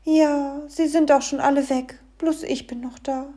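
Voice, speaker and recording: A woman's voice: high-pitched, fairly even intonation, a little slow, mellow, pitched above the performer's own voice. A woman reading a storybook, voicing a shy, curious young fairy tale who speaks in an eager, raised voice. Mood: wondering.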